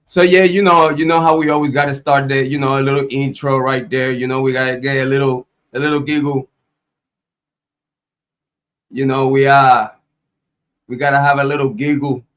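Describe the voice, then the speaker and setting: A YouTube true crime host from Ohio runs a casual livestream, talking loosely, repeating himself and laughing often while his voice comes back after an illness. His mid-range, fairly bright voice is flat, at a moderate pace with long pauses, and the highs are cut off.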